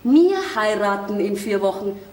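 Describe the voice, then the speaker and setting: A woman's voice: mid-range voice, lively intonation, measured pace, a little mellow, natural voice. Stubborn cheeky young bride, an actress doing her, bavarian accent, far from mic, roomy. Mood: mocking. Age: young adult. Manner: cheeky, headstrong. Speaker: stage actress. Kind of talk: folk theater comedy acting. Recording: echoey stage sound, off-mic.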